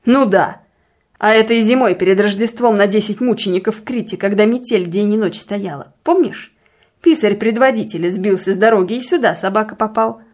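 A woman's voice: mid-range voice, fairly quick, a little mellow, lightly acted. A woman voicing a suspicious, grumbling village sexton who mutters and then bursts out in angry accusations. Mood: ranting.

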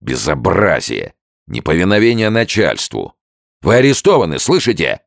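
A man voicing a stout, red-faced army lieutenant, quick to anger, who speaks loudly in a raised voice. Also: extremely low pitch, very animated, gravelly, dry recording, clean studio sound, voice pushed up, exaggerated voice. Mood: furious. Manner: forced kindness turning fierce.

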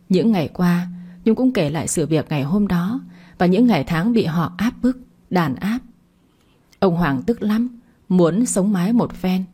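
Low, husky woman storyteller. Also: mellow. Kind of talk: dramatic story narration.

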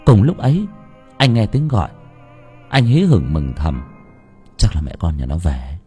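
A man's voice: low-pitched, unhurried, dark tone, soft background music. A man narrating a dramatic story as an audiobook reader, with emotive delivery.

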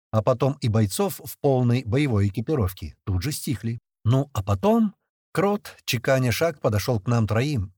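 A man tells a first-person audiobook story in coarse, slangy language, with his voice swinging up and down in a lively way. His voice is husky, and it is recorded dry and close to the mic. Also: medium pitch, no echo. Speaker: audiobook narrator.

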